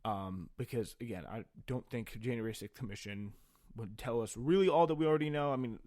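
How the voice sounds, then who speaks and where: A man reading news aloud and adding off-the-cuff political commentary in an informal, halting way. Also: medium pitch, dark tone, no room sound, clean studio sound.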